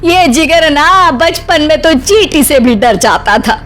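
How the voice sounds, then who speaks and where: A woman's voice: high-pitched, lively intonation, takes it slowly, a bit bright, slight background noise, heavily acted. A woman playing a bossy, easily frightened middle-aged mother-in-law in a cartoon comedy, scolding with sarcasm. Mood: sarcastic. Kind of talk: Hindi cartoon comedy story acting.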